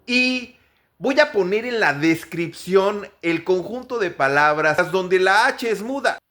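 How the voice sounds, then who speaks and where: A man teaching English pronunciation, repeating each example word slowly several times. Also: sits high. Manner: upbeat, animated sign-off. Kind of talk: pronunciation lesson.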